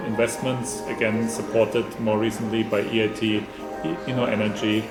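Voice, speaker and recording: Man, director type, steady monotone answers with hesitant ums, roomy echo, music underneath. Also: on the low side. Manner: measured, flat delivery with frequent ums and restarts. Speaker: institute director, interview guest. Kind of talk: formal interview answers.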